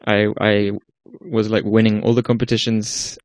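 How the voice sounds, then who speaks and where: Low, flat-voiced Icelandic man. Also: normal speed, no echo. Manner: hesitant, many restarts and fillers. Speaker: guest musician. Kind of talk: casual interview talk.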